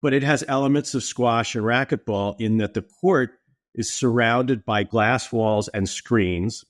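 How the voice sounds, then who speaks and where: A middle-aged man talking easily as a podcast guest, explaining at length in a relaxed way. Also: on the low side, no echo, studio quality. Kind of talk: casual interview talk.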